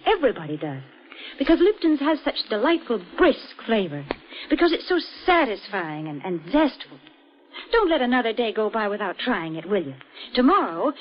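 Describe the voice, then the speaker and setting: Woman announcer for a vintage radio spot, high and animated, with a muffled old broadcast sound. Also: slight background noise. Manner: bright, persuasive sales pitch. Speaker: commercial announcer. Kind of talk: 1940s radio commercial reading. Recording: dull lo-fi 1940s radio recording.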